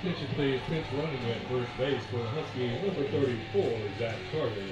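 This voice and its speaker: Stadium PA announcer, man, drawn-out formal calls over the loudspeaker, echoey and distant. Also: mid-range voice. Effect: heard over a stadium PA system. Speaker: stadium public address announcer. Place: outdoor baseball stadium. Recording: roomy PA sound picked up from far off, with music.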